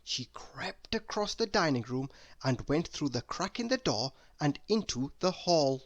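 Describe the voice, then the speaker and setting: A storybook reader with a mid-range voice reads a children's story aloud, deliberate and expressive in a storytelling manner.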